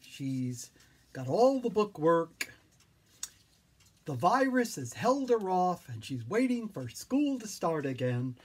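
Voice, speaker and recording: A clown performer voicing a whimsical, prim school teacher in a silly storytelling manner, with a husky voice. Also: medium pitch, very animated, slow pace, heavily acted. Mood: whimsical, mock-indignant.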